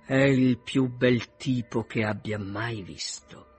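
A man reading aloud, voicing a dry, ironic older gentleman who speaks slowly and sardonically. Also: medium pitch, fairly even intonation, husky, faint music behind, voice pushed down. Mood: sardonic.

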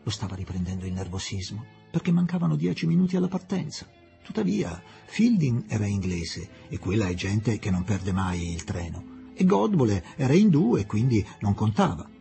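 Guy reading an audiobook, gravelly voice, lively delivery. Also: fairly low pitch, moderate pace, faint music behind. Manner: expressive, dramatic reading. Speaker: narrator. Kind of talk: audiobook narration.

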